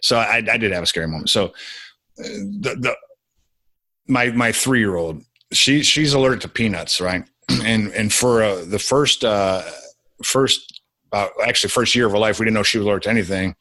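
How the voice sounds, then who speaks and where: A man's voice: on the low side, normal speed, bright, forceful tone, no room sound. A young adult man, a podcast guest, telling a personal story in casual conversation with many restarts.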